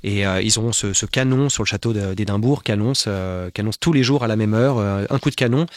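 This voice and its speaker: A man's voice: fairly low pitch, a little fast, no room sound. A man in casual podcast conversation, explaining watch history with many fillers and restarts. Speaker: podcast guest, watch specialist.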